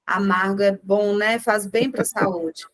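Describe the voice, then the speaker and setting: A woman's voice: medium pitch, steady tone, a bit bright, no room sound. Encouraging music teacher woman, dry sound. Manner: encouraging, chants words slowly in rhythm. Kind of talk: teaching a group music lesson.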